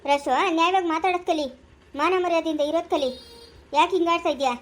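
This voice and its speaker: A woman acting a stern village wife who scolds and moralizes in sharp, rapid-fire questions, with a rural Chikkaballapura Kannada accent. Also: extremely high pitch, fairly even intonation, slight background noise. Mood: scolding. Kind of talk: village family skit acting.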